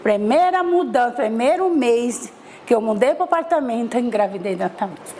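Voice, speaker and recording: Her voice is fairly high, dark in tone, with lively intonation at a normal speed as this interviewee, a middle-aged mother from Salvador in Bahia, Brazil, recounts her life. She chats freely, restarting sentences and tossing in tag questions, over slight background noise.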